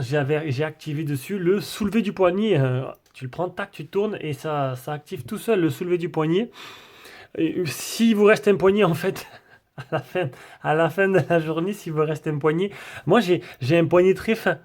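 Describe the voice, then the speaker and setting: Chatty man, slightly high voice. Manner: chatty, rambling with many fillers and restarts. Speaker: tech reviewer. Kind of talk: casual product review.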